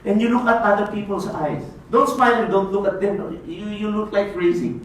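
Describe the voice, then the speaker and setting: A Filipino network marketing speaker with a high-pitched, slightly bright voice gives a playful motivational seminar talk at a moderate pace, often laughing and asking the audience "no?" He sounds distant in an echoey room, with a faint hiss on the recording.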